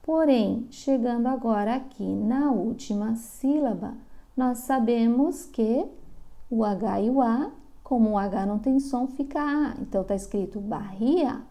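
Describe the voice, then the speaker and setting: A middle-aged woman from Brazil walks parents through a reading lesson, stretching each syllable slowly. Her voice is a little high yet mellow and dark. A gravelly fry runs through her delivery. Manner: slow, drawn-out sounding of syllables. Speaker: literacy teacher. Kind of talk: instructional explanation for parents.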